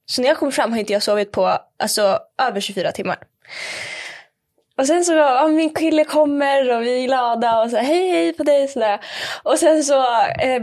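A young woman chatting casually on a podcast, telling a story with lots of fillers and acted-out quotes. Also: on the high side. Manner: animated storyteller, acts out quotes in English. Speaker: podcast guest.

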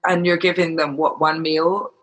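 A man with a fairly high, sharp and forceful voice that has a raspy edge. He chats casually and frankly, explaining his point and slipping into imagined quotes. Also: level tone, moderate pace. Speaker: charity volunteer. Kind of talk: casual chat.

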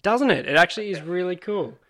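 Casting: young male host, fairly high voice, blokey and jokey, casual banter. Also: lively intonation, brisk, sharp tone. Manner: blokey, sweary, joking. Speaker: show host. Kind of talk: casual banter on a beer-tasting show.

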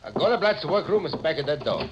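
Excitable immigrant shopkeeper. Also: male voice, a little high, crowd noise. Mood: worried. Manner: halting broken English, urgent. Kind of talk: 1940s American radio drama acting.

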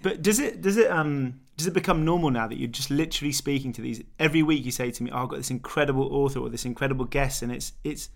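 A man in a casual conversation, asking questions in a relaxed, admiring way. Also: medium pitch, quick pace, gravelly, hardly any pauses. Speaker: guest interviewer.

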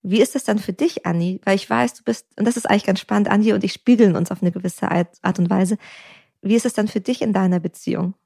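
A couples therapist talks through ideas in a podcast conversation, speaking reflectively with everyday examples and frequent ums. Her voice sits at a middle pitch for a woman, steady, gravelly, mellow and husky, and she talks fast.

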